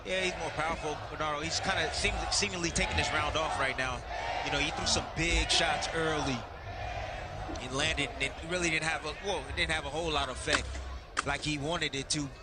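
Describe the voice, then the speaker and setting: Somewhat high-voiced male boxing analyst. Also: steady tone, a little fast, a loud crowd, very noisy. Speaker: boxing analyst and former fighter. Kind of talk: conversational live boxing analysis.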